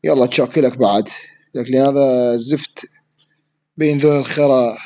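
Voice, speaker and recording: A man with an Iraqi Arabic accent giving live gameplay commentary, excitable, yelling at opponents and swearing as he plays. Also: mid-range voice, normal speed, lo-fi sound. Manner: excitable, yells at opponents and swears mid-play. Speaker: gaming streamer.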